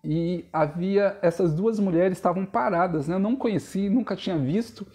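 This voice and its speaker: A man's voice: high voice, moderate pace, a little mellow. A young adult man, preaching and telling a personal testimony to his congregation in an earnest, storytelling way. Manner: earnest storytelling, addresses listeners as brothers. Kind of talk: sermon testimony.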